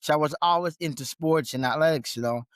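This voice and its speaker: A man from Guyana, a gym owner and trainer, chatting casually as a podcast guest, relaxed and often restarting his sentences. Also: a little high, fast talker, no echo. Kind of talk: casual interview conversation.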